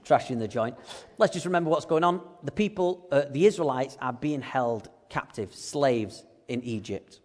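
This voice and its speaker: A man's voice: medium pitch, moderate pace, a little mellow. A male preacher who gives a chatty, jokey sermon in a storytelling style. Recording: long hall reverb.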